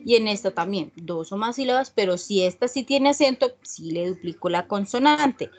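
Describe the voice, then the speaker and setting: A woman's voice: mid-range voice, expressive. A woman teaching an English class, explaining spelling rules step by step and checking often that students follow. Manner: slow and patient, often checking with a questioning "¿sí?"; reads English examples slowly and deliberately.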